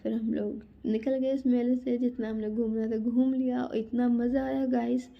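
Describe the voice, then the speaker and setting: Gravelly chatty woman vlogger. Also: a little high, level tone, normal speed, dull audio. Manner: chatty storytelling, addresses viewers as guys. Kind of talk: casual vlog narration.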